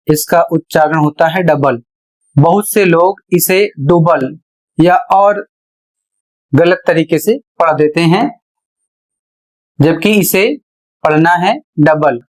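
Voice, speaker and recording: Slow, deliberate male teacher. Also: sits high. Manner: slow and deliberate, spells words letter by letter. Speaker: English teacher. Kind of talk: explaining spelling and pronunciation lesson.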